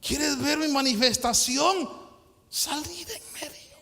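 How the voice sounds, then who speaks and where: A man preaching a sermon as pastor, swinging from loud shouted passages to quiet, confiding asides. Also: very high-pitched, slow pace, creaky. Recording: long hall reverb.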